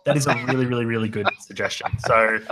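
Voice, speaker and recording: A man running a tabletop game over a voice call, enthusiastic and halting, with lots of fillers. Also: medium pitch, noisy background. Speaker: game master.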